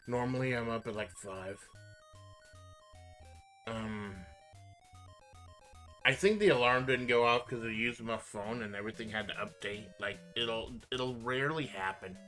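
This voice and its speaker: A laid-back man talks to his stream audience in loose, swear-heavy chat, his voice bright and forceful. He tends to mumble now and then. Faint music plays behind him. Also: mid-range voice, unhurried, pauses often, poor audio. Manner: mumbles at times. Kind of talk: casual live-stream chat.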